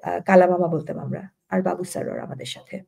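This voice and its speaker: Gravelly older woman recalling memories. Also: fairly low pitch, fairly even intonation, mellow. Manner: reflective, unhurried, frequent hesitant pauses. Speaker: interview guest recalling childhood. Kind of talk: personal storytelling in interview.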